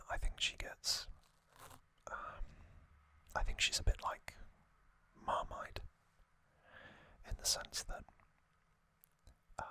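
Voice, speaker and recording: In an unscripted ASMR session, a man whispers slowly and evenly, breathy and unvoiced, with a very crisp, bright sibilance. He talks off the cuff and stops now and then for thoughtful pauses.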